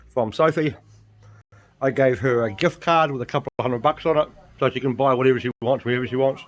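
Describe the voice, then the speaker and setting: A man's voice: medium pitch, low-quality recording. A New man in his fifties talks straight to a handheld camera in his kitchen. He rambles in a loose, chatty way and drops the odd casual swear word. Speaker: vlogger. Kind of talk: casual home vlog. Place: at home in a kitchen.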